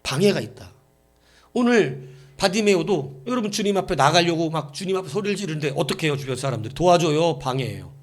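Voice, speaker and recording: A male pastor preaching at a late-night vigil in a church, in a voice pitched a little high with big, lively swings. He presses his point with one rhetorical question after another. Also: fairly quick. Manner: emphatic, full of rhetorical questions.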